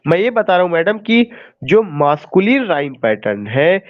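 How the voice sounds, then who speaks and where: Male teacher, rather high voice, online lecture, asks and answers his own questions, dull lo-fi sound. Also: big pitch swings, moderate pace. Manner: explains with rhetorical questions; mixes in English terms.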